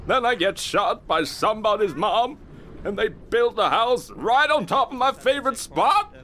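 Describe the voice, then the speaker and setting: An aggrieved bear ghost from a cartoon-style game. He grumbles indignantly in a high voice that rises and falls freely. Faint ambience sits behind him. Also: lively intonation, a little slow, bright, forceful tone, full character voice.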